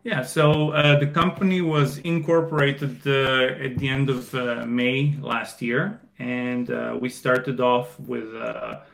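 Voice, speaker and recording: A man from Croatia in his thirties, a podcast guest talking casually about his startup, with many fillers and pauses. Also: medium pitch, level tone, vocal fry, soft background music, poor audio. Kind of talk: casual interview answers.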